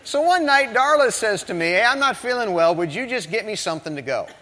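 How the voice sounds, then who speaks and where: A middle-aged man from the northern United States delivers a humorous motivational keynote in a large hall before an audience, with hall reverb in the recording. His voice is high-pitched and brisk. He tells stories packed with jokes, animated and funny.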